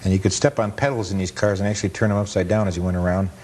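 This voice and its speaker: Speaking very fast in a steady, darkish tone, a film collector and amusement park historian appears as a guest, commenting on old footage. His remarks are casual, matter-of-fact, and rich in detail and anecdote, captured in noisy, rumbling 1980s cable TV audio.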